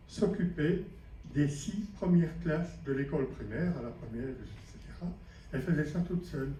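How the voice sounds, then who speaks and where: A Belgian man with a mellow voice on the high side gives a conference lecture to teachers. He is chatty and pokes fun at himself, often putting questions to the audience. The sound is echoey, as if from a hall with a distant mic and faint noise.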